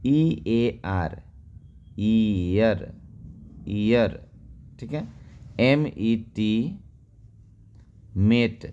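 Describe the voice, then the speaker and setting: A man's voice: lowish voice, animated, extremely slow, pauses often, mellow. A man teaching English reading in a lesson. He spells each word letter by letter, asks what it reads as, and then answers himself. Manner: asks the listener questions, then answers them. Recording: dull lo-fi recording.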